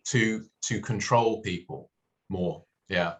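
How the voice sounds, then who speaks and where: A man from Hong Kong in a casual podcast discussion, talking in halting bursts full of restarts and fillers. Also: sits low.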